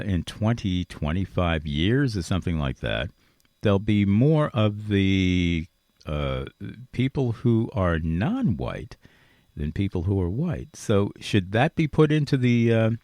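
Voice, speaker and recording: A radio talk show host with a lowish, darkish voice speaks in an earnest, conversational way, repeating points for emphasis. His interview drifts into a rambling, upbeat monologue, and the recording has no echo.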